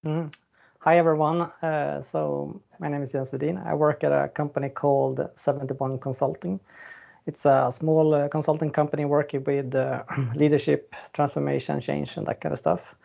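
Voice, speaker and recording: A man's voice: fairly high pitch, little pitch movement, moderate pace, vocal fry, dark tone. A man in his forties, a leadership coach from Sweden, talking hesitantly with many fillers. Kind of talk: casual podcast chat. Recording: dull lo-fi remote audio.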